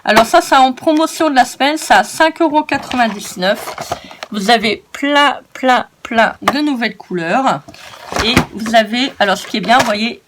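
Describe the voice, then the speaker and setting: A woman's voice: on the high side, normal speed, noisy background. A woman chatting casually as a vlogger, showing off her craft-shop purchases in a playful, joking way. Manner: chatty and playful, often scolds herself jokingly. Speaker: craft shopping-haul vlogger.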